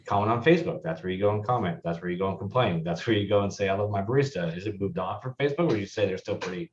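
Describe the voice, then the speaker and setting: A man with a very low voice co-hosts an interview and asks loose, relaxed questions. The audio is muffled and lo-fi. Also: rapid-fire, a little hiss or hum. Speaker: podcast co-host. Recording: dull lo-fi audio.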